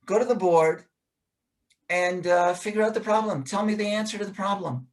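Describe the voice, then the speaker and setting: A man's voice: high voice, normal speed, lightly acted. Man voicing a firm, caring schoolteacher. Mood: commanding. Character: stern, caring male schoolteacher.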